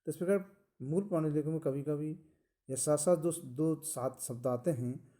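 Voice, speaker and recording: A man giving a college lecture, explaining slowly and deliberately, often repeating phrases. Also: fairly high pitch, mellow. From India. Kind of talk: recorded lecture.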